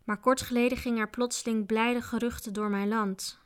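A woman narrating a children's adventure book in a steady storytelling voice. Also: fairly high pitch, normal speed, clean tone. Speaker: audiobook narrator. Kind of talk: scripted narration.

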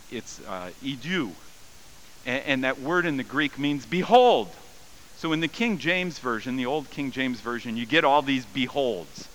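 Male pastor, sermon delivery, bright forceful tone, swells from hush to fervent, slight hiss on the recording. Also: mid-range voice, rough recording. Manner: swings from quiet reflection to loud, soaring emphasis. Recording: faint hiss.

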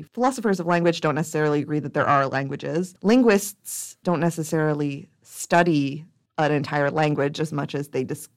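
A podcast co-host with a low voice and vocal fry explains things at length in a casual chat. She restarts sentences often as she thinks aloud.

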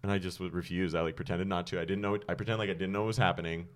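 A man's voice: low voice, steady tone, rapid-fire. A young man, a guest comedian, tells a rambling story in casual podcast chat and acts out the quotes.

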